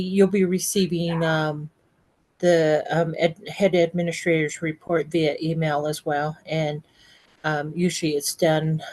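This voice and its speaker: A woman chairs a board meeting, speaking slowly in a slightly low voice. She hesitates often and fills her pauses with ums as she moves through the agenda.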